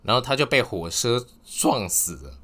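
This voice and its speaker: A lively man with a bright, mid-range voice hosts a casual solo podcast at a moderate pace. He starts with earnest advice, then moves on to corny jokes that he laughs at himself.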